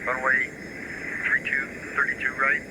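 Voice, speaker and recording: A man calls in as a pilot over the radio, reading back clearances in clipped, terse radio phraseology and stumbling now and then on a filler. His mid-pitched voice comes through a noisy channel with clear hiss behind it. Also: completely flat delivery, unhurried. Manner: clipped readbacks with hesitant fillers. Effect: pilot speaking over an aircraft radio. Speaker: pilot on a flight sim network.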